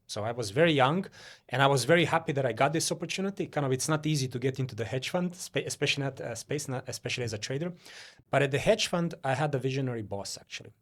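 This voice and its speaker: A man's voice: mid-range voice, quick pace. Chatty Croatian-born man, interview guest. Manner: chatty, many fillers and restarts. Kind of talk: casual interview talk.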